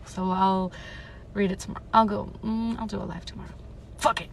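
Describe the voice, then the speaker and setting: In her 20s, this woman reads a book on a livestream before rambling chattily to viewers with lots of fillers. She speaks a little fast at a medium pitch, her tone steady and gravelly, with light background noise.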